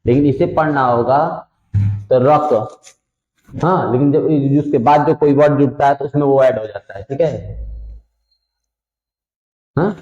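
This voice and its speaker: A man's voice: medium pitch, measured pace, pauses often, darkish tone. A man teaching the alphabet, patiently repeating sounds and checking that students understand. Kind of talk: Hindi alphabet lesson. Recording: echoey room, dull lo-fi sound.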